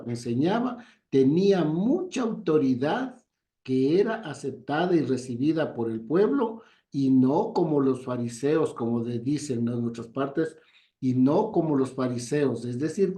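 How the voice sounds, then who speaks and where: A man in a Bible study giving a measured, deliberate comment. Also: fairly high pitch, warm tone. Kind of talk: slow reflective comment. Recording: echoey room.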